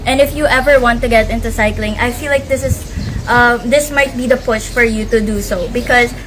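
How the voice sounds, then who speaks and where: A Filipino woman in her late teens speaks as a guest on the radio, eager and halting with fillers. Her voice is fairly high, and clear background noise runs under her. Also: fairly even intonation. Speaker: event podium girl guest.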